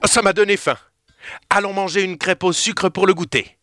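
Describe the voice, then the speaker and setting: A man's voice: medium pitch, normal speed, pushed and bright, no room sound, studio quality, lightly acted. A man voicing a timid, easily frightened little boy in a children's story reading. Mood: relieved.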